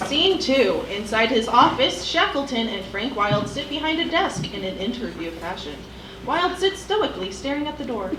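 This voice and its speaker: A woman reading stage directions aloud in a crisp, matter-of-fact way. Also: on the high side, sing-song, normal speed, very noisy. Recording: echoey hall, far from mic, music.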